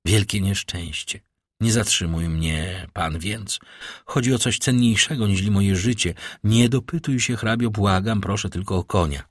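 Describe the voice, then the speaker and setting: A man's voice: fairly low pitch, a little slow, no room sound, studio quality. A man voicing an agitated young nobleman who speaks with urgent, shaken pleading.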